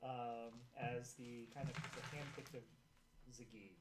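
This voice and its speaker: A man's voice: mid-range voice, steady tone, measured pace. A man casually reading out recap notes for a tabletop game, rambling and chuckling as he goes. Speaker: player reading session notes. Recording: echoey room with background noise.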